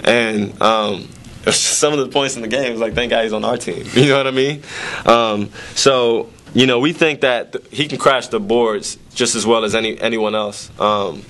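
A young man, a college basketball player, speaking at a postgame press conference at a table mic, relaxed and rambling with many fillers. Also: mid-range voice, normal speed. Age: young adult. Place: press conference room with sponsor backdrop. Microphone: table microphone.

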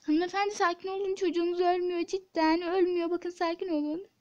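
Give me a woman doing a soothing nurse, quiet and high-pitched. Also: little pitch movement, quick pace, lo-fi sound. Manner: soft, hesitant and pleading. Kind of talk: Turkish toy-app drama voice acting.

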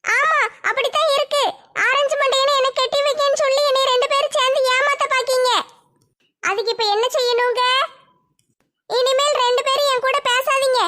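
Lady doing a squeaky bright stubborn young woman, snapping back in a comedy skit. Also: fairly even intonation, normal speed. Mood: scolding. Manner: defiant, scolding. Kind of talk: comedy sketch acting.

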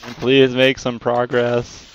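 A man's voice: medium pitch, completely flat delivery, slow pace. A young man giving casual, nervous commentary as a scared horror game streamer, muttering to himself. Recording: dull lo-fi mic, light background noise.

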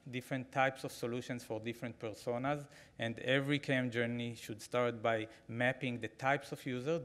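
A man in his forties at a podium mic in a large conference hall, giving a conversational keynote with frequent fillers. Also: medium pitch. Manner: conversational, animated, frequent fillers, gestures while talking. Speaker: keynote speaker. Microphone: podium microphone.

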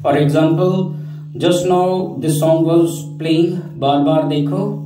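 Casting: male tech vlogger, North Indian accent, fairly high pitch, casual demo delivery, roomy distant sound. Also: steady tone, takes it slowly. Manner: repeats phrases, tags sentences with "okay". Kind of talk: casual product demonstration to camera. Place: indoor room at home. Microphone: wireless lavalier, partly heard through a speaker. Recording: roomy, distant mic, music behind.

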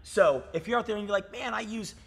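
A man's voice: high voice, quick pace, creaky, fairly bright tone, breathy edge. A man in his thirties, a fitness coach talking in a casual podcast chat, hyped and swearing, saying "dude" and "like" a lot, recorded in a gym lounge. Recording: reverberant gym room.

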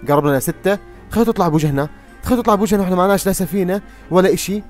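A young man talks through his gameplay at a rapid clip, often breaking into excited exclamations. His voice sits a little high. Game music plays quietly behind him. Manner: excitable, yells and exclaims at surprises. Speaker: gaming youtuber. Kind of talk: live gameplay commentary.

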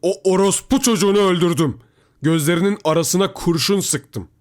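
A man voicing a father who shouts for his son from deep in a shelter, in a strained, raised voice for a horror story. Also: normal speed, close to an everyday voice. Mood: shouting. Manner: shouting, distant-sounding. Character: father's voice calling from the dark, desperate.

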